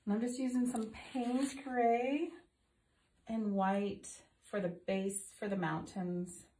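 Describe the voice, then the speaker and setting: A middle-aged art teacher explains a painting project while she works, chatty and full of ums, in a mellow mid-range voice that is fairly even and slow, a little off from recent illness. This casual painting tutorial is filmed in her home art studio by a phone camera overhead, with her off to the side. The room is echoey and her voice sounds off-mic.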